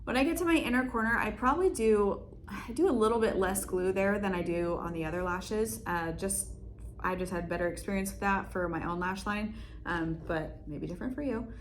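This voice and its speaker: A woman's voice: medium pitch, brisk, a little hiss or hum. Chatty woman giving a casual tutorial. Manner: chatty, laughs often, many fillers. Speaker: beauty vlogger. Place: room in her salon.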